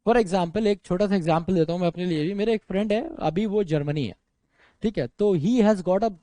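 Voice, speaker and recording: A man's voice: high voice, moderate pace, no room sound. A young man with an Indian English accent teaching an exam-prep grammar lesson, calling his students friends and brother and mixing English words into his explanations. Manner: animated, addresses students as friends and brother, mixes English into speech.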